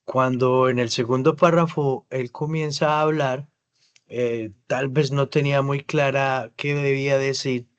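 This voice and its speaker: A man teaching an English class over a video call, explaining patiently and slowly modeling English words. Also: mid-range voice. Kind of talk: online class feedback.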